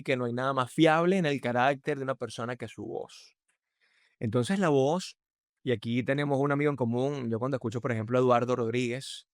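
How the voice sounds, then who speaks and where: A man's voice: no echo, clean studio sound. A Venezuelan man with a Venezuelan accent, a podcast guest explaining communication emphatically and shifting his tone to demonstrate. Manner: emphatic, varies his pitch and loudness to demonstrate. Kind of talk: conversational explanation.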